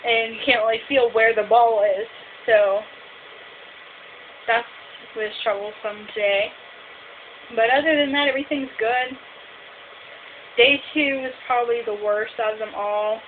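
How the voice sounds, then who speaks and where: Young female vlogger, high voice, tongue piercing, casual rambling delivery full of filler "like", tinny hissy audio. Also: fairly even intonation, a little slow, pauses often. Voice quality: speaking with a fresh tongue piercing. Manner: rambling, frequent "like". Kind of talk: casual chatty video diary. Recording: hissy, noisy, phone-like narrow sound.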